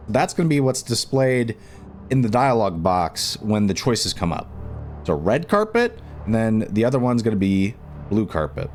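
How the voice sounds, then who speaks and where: With a medium-pitched, darkish voice, a man talks his way through a casual screen tutorial while working. He speaks informally, thinking aloud and going over instructions more than once, and background music plays underneath.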